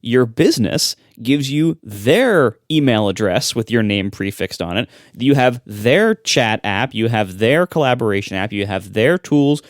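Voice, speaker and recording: Clean, dry studio sound carries the mid-range voice of a tech podcast co-host. In loose tech conversation, he launches into an animated rant, emphatic and full of skepticism.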